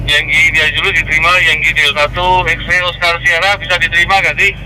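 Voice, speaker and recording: A man answering over a handheld two-way radio, reading call signs in brisk radio procedure and ending his turns with "over". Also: a little high, flat delivery, bright, forceful tone, slight background noise, low-quality recording. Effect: heard over a handheld two-way radio. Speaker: amateur radio operator on the other end.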